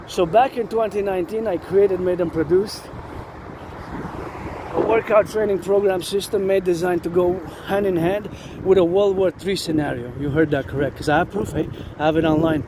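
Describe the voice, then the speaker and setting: A vlogger with a high-pitched man's voice talks at normal speed in a steady tone, rambling outdoors and insistently repeating words and phrases. He stands near a road, and loud traffic noise fills the recording, with passing vehicles and urban ambience behind him.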